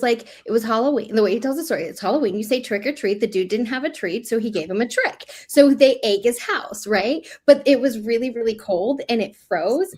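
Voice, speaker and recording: A woman's voice: on the high side, a little mellow. A woman in her thirties, hosting a casual chat and telling family stories, full of "like" fillers. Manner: chatty storyteller, many "like" fillers. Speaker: host.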